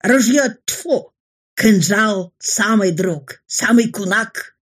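A woman's voice: medium pitch, takes it slowly, slightly rough. A woman voicing a fearless, jovial adult mountaineer who speaks in broken phrases. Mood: swaggering. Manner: broken speech, bold and jovial. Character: boisterous adult male mountaineer, barber, fearless.

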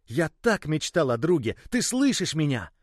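A man voicing a calm young boy who longs for a friend. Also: mid-range voice, fairly quick, dry recording, clean studio sound, close to an everyday voice. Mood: excited. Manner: calm, growing excited.

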